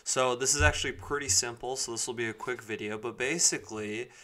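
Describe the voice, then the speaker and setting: A man giving a casual step-by-step software tutorial in an informal way, thinking aloud as he goes. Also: medium pitch, a little fast. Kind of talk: casual screen-recorded spreadsheet tutorial.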